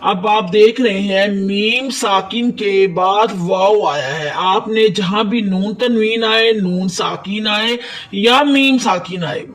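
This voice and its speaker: Male tajwid teacher with a Pakistani Urdu accent, unhurried and methodical, drawing out each recited word; voice sits back from the mic. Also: sits high, fairly bright tone, recorded from a distance. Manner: slow, patient explanation with drawn-out recited words. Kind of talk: step-by-step tajwid lesson.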